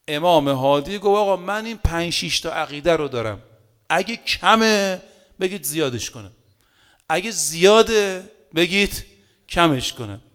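A man preaching a sermon in a conversational, folksy way, full of rhetorical questions and short anecdotes, swinging between loud emphasis and quiet asides. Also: fairly high pitch.

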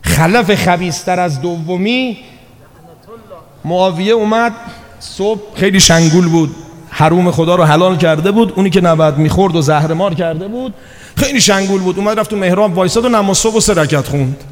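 A man preaching a sermon, his voice sitting on the higher side for a man. He tells stories and acts out the dialogue in them, swinging between loud urging and hushed, low asides. His voice rings out with a long tail of hall reverb. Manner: storytelling, acting out quoted dialogue.

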